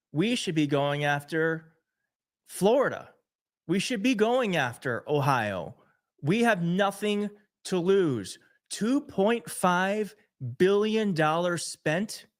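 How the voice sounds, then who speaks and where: A young male host talks to his live-stream audience in an earnest, openly emotional way. His voice sits a little high, and he speaks with heartfelt warmth about what he believes in. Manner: emotional, earnest, self-deprecating. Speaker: show host.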